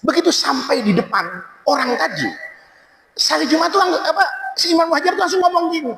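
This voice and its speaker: A male preacher telling a funny story in a sermon, switching between loud shouts and low asides. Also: a little fast, vocal fry. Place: large religious hall. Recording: echoey hall, faint noise.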